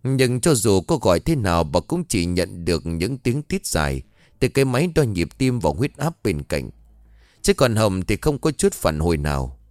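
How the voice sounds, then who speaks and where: A man narrating a scripted horror story in a dramatic, expressive way, close to the mic. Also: low voice, moderate pace, no room sound, faint music behind.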